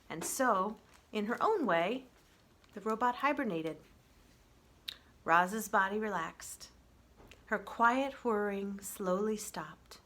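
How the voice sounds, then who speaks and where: In a mid-range voice, a woman narrates a children's novel gently and expressively. She keeps a measured pace, letting each phrase soften as it closes.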